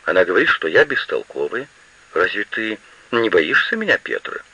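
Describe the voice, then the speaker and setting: A grumpy old woman who orders everyone about and scolds without letup, read by a man. The voice is bright and a little husky, with wide swings in pitch. It comes through a muffled, lo-fi radio recording. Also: sing-song, moderate pace, heavily acted. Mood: grumbling. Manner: scolding, imperious. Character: grumpy, fussy older woman, a mother-in-law.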